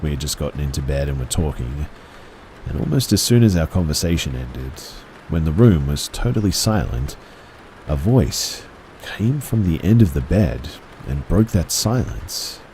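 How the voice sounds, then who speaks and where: A man reading first-person horror stories aloud in a measured, hushed storytelling manner. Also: a bass voice, sing-song, a little hiss or hum, low-quality recording. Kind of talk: scripted horror narration.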